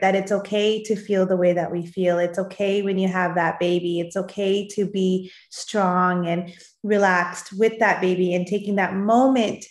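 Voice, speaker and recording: Casting: female interview host, encouraging and motivational, average pitch, recorded with audible room echo. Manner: encouraging, addresses listeners as fellow moms. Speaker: show host. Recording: roomy, echoing sound.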